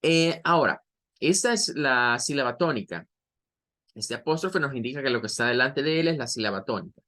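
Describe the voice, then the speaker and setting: Male English teacher, patient explainer, middle pitch, models words slowly. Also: lively intonation, sharp tone. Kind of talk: online pronunciation lesson.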